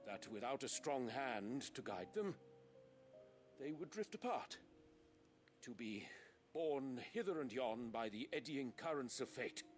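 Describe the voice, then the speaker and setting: A stately, humbled imperial nobleman, acted by a man in a video game. He talks slowly and formally, his solemn voice swinging expressively over faint music. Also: mid-range voice, lively intonation, natural voice.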